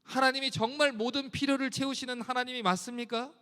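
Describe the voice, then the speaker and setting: High-voiced man preaching in a reverberant church. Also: steady tone, quick pace, bright, forceful tone, smooth. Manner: earnest preaching, reciting scripture with rising force. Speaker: pastor. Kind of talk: sermon. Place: church sanctuary.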